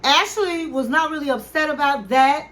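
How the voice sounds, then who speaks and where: Her high-pitched, fairly bright voice moves at normal speed as she gives a casual recap of a reality show, playing out each person's words in chatty storytelling. It's a low-quality recording.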